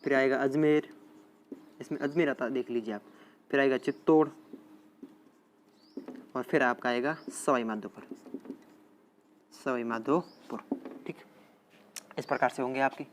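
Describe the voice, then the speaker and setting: Male teacher, slow repetitive dictation, faint hiss and birds behind. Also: medium pitch, steady tone. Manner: slow, repetitive dictation with frequent "theek hai" check-ins. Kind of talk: exam-prep geography lesson.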